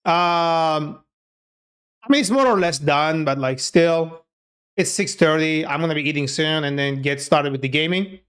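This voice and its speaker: Speaking slightly high and a bit slow, the man has a clean, somewhat bright tone. He's a Turkish-accented programmer and live streamer, a native Turkish speaker, keeping things informal as he thinks out loud over his code.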